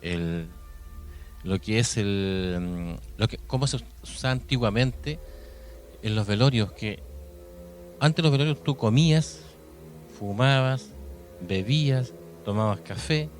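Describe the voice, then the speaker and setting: Hosting a radio show with music in the background, a Chilean-accented man talks conversationally but hesitantly, searching for his words. His pitch is fairly low and he speaks slowly with long pauses.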